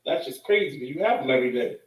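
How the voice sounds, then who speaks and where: A man's voice: medium pitch, animated, racing. A man chatting casually in an informal, questioning way. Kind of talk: casual chat. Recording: echoey room, distant microphone.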